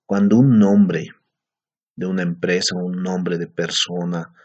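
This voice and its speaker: A very deep, husky male voice, speaking slowly as he walks students through a language lesson. He explains patiently and keeps checking that they follow. The recording sounds dull and lo-fi. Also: steady tone, darkish tone. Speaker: Aymara language teacher.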